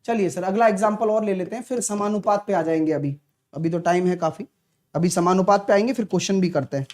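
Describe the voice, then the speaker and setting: A male maths teacher with a sore throat, giving a live online class in a soft voice and clearing his throat often. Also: high-pitched, fast talker. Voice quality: clears throat often, talks softly to spare it. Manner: chatty, teasing, answers viewers' comments.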